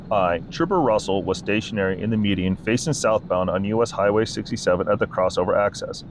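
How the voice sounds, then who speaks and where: A man, a state trooper, reading his incident report aloud in a flat, formal, methodical way. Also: fairly low pitch, slight background noise.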